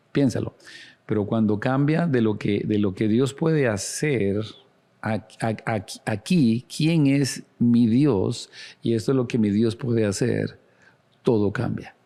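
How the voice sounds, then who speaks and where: Low, mellow-voiced male pastor preaching. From Latin America. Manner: earnest, asks the listener direct questions. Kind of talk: sermon.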